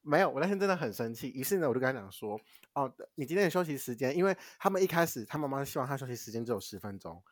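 Young male podcast co-host, from Taiwan, quick and animated storyteller, dry close mic. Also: medium pitch, no echo. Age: young adult. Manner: animated, swears casually, laughs while telling. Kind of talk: casual storytelling chat.

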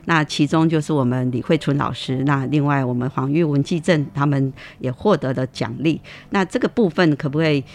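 A man's voice: on the high side, brisk, hardly any pauses. A man hosting an interview, giving frequent affirming back-channels and asking questions. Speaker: host.

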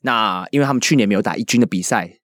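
A man's voice: lowish voice, rapid-fire, no echo, studio quality. A man with a Taiwanese Mandarin accent chatting casually and jokingly as a podcast host. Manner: animated, joking. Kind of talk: casual chat about baseball news.

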